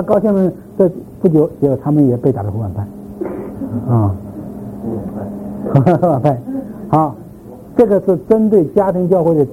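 Man lecturer, somewhat high voice, loose rambling delivery with fillers and asides to the class; thin lo-fi sound with a faint hiss behind. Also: warm tone. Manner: rambling, repeats words, frequent filler particles, asks listeners questions. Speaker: lecturer on church history. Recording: tinny phone-like sound, faint background noise.

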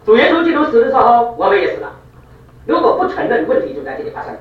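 Fast, animated male preacher in an echoey hall. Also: extremely high pitch. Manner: animated, fast, repeats for emphasis. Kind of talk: storytelling sermon. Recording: echoey, distant, dull hall recording.

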